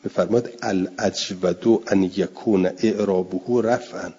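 A man teaching a class, reading Arabic text aloud and explaining it, drawing out repeated words slowly. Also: sits low, fairly even intonation, warm tone, husky. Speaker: teacher of Arabic grammar and Quran exegesis. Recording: dull lo-fi classroom recording.

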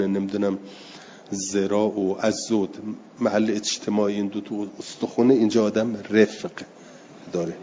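Man, religious teacher, low mellow voice, slow reading then plain explanation, dull recording, faint noise. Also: big-room sound. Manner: reads passages slowly, then explains them plainly; answers students' questions. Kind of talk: classroom text lesson.

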